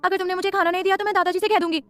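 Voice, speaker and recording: Woman doing a shrill, scared young woman. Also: little pitch movement, very fast, fairly bright tone. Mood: pleading. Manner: shrill, pleading, babyish. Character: frightened childish young woman.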